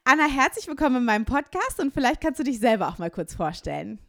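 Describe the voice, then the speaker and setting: A woman's voice: high voice, very animated, quick pace, gravelly. A woman hosting a podcast interview, asking long rambling questions with many fillers. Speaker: podcast host. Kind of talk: casual interview talk.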